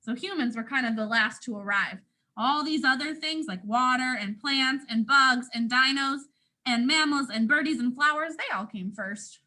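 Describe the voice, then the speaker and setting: A first grade teacher with a North American accent reads a picture book aloud to young children, expressively adding simple explanations. Her voice is high-pitched, bright and forceful at a normal speed, though the audio quality is poor.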